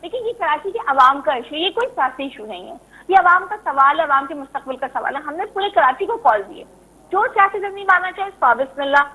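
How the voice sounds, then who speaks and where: Woman politician from Karachi, talk-show guest; high, bright and insistent. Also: expressive, brisk, low-quality recording. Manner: insistent, repeats points for emphasis.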